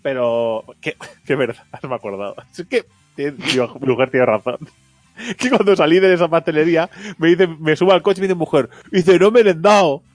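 A man's voice: on the high side, fairly quick, dry recording, faint music behind. A man who hosts a stream, telling a story in casual chat, laughing often and acting out the quotes. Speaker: streamer and show host.

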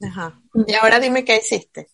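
A woman's voice: fairly high pitch, normal speed, creaky, a bit bright, dry recording. A woman chatting casually with other mothers, telling reflective stories and acting out her daughter's lines. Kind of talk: casual chat among mothers.

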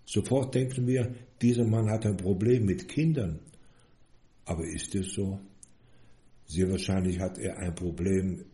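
A man with a very low, dark voice delivers a sermon at a slow, deliberate pace. He speaks in an earnest, measured way, and the sound echoes around the room. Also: steady tone. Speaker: priest.

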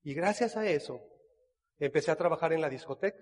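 A man from Mexico with a Mexican accent, telling his life story in a casual, animated way and acting out the dialogue. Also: fairly high pitch, a little fast, long reverb tail. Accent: Mexican Spanish. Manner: animated storyteller who acts out dialogue, with frequent restarts. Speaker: business speaker sharing his life story.

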